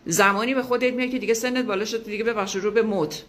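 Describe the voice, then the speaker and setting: A woman's voice: fairly high pitch, fairly even intonation, fairly bright tone. A woman giving a motivational talk, speaking emphatically and asking her listeners rhetorical questions.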